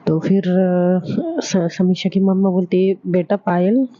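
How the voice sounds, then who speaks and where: A woman's voice: lowish voice, flat delivery, unhurried, dark tone. A woman telling a love story casually, stringing events together with repetitive linking phrases, on a dull lo-fi recording.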